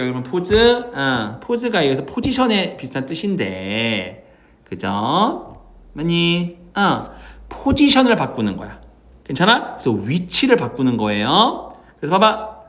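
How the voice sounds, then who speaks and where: A man teaching English vocabulary in an exam prep lecture, checking in with his students again and again as he explains. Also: mid-range voice. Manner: lively, asks students constant check-in questions.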